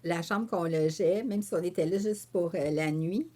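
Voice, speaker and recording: A woman with a Québécois French accent, a painter and author telling a story in an interview. She acts out her own quoted remarks and fills pauses with "euh" and "tu sais.". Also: fairly low pitch. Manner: animated storyteller who voices her own quoted remarks, with frequent fillers. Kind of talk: conversational storytelling.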